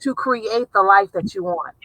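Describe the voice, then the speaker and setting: A woman's voice: medium pitch, normal speed, sharp tone, no room sound, low-quality recording. A woman with a New Orleans accent, hosting a casual interview with enthusiastic, talkative energy. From South Louisiana. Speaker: host.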